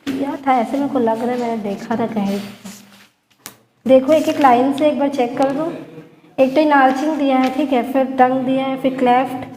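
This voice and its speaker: High-voiced woman teaching in an echoey room. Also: steady tone, dark tone. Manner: explains step by step, often checking "theek hai?"; mixes in slowly dictated English lines. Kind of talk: classroom lecture.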